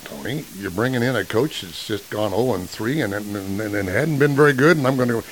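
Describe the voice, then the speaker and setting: A man's voice: medium pitch, fairly quick, slight background noise, low-quality recording. A man hosting a casual interview, asking questions with a wry, joking manner. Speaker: interview host.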